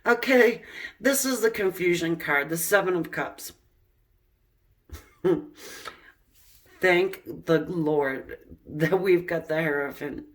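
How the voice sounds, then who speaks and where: Slow-talking woman reading tarot. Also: on the low side. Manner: chatty, laughs at the cards, many fillers. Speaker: tarot reader. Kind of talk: pick-a-card tarot reading.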